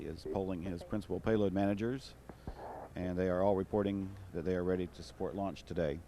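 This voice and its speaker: Very deep-voiced American launch commentator, man. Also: darkish tone. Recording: noisy broadcast with background ambience.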